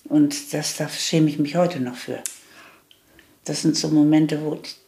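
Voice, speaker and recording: An older woman tells her own story in an interview. Her voice carries a steady gravelly rasp. She speaks candidly, restarting sentences, then pushes her points home with emphasis. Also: deep voice, unhurried. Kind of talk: reflective life-story telling.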